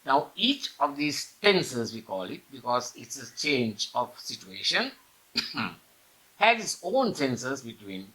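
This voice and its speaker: A man teaching an English grammar lesson, explaining slowly and repeating key words, with the odd cough. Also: mid-range voice, sharp tone, rough recording. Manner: occasional coughs and throat clearing.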